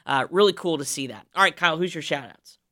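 A man's voice: fairly high pitch, fast talker, sharp tone. A man co-hosting a racing podcast, recapping the week's races in an upbeat, emphatic way with many fillers. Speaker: podcast co-host.

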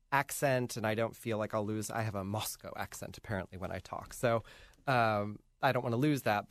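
A man from North Jersey hosts a casual podcast, chatting, laughing often and using plenty of fillers. His voice is lowish, with no room sound.

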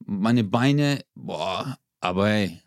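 A man's voice: lowish voice, drawn-out words, no echo. Young guy, slangy jokey podcast chat, dry close mic. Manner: joking, slangy, animated storytelling. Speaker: podcast co-host. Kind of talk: casual comedy chat.

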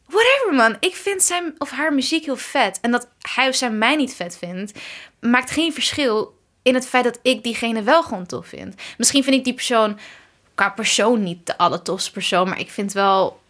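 A woman's voice: fairly high pitch, lively intonation, normal speed, fairly bright tone. A young woman from the Netherlands, a pop singer being interviewed, talking in an enthusiastic, chatty way with English words mixed in. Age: young adult. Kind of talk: casual interview chat. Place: bedroom at her parents' home.

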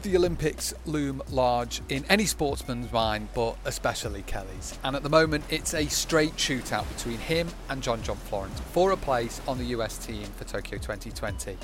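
A man reading a scripted sports narration in a measured, polished voice of middle pitch. Faint music plays underneath him. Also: expressive.

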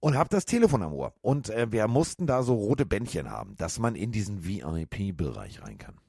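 Middle-aged male co-host, lively low voice, dry close sound, animated storyteller. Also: moderate pace, gravelly, slightly rough, dry recording. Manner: animated, acts out quoted voices, many fillers. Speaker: podcast co-host. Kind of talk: casual storytelling chat.

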